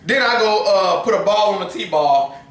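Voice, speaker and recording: A man's voice: high voice, expressive, moderate pace, fairly bright tone. A man in a casual debate among co-hosts, talking emphatically and laughing often. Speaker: co-host. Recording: echoey room, far from the mic.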